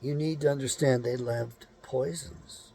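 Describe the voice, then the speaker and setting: A man's voice: mid-range voice, fairly even intonation, measured pace, gravelly, mellow, slightly rough. A man hosting his own show, talking in a blunt, rambling monologue full of cursing and rhetorical questions. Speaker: show host.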